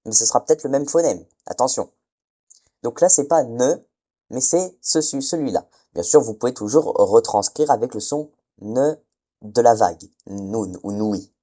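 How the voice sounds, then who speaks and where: A man's voice: medium pitch, normal speed, mellow, husky. A man giving a casual spoken lesson, hesitant, often stumbling and correcting himself. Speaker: teacher.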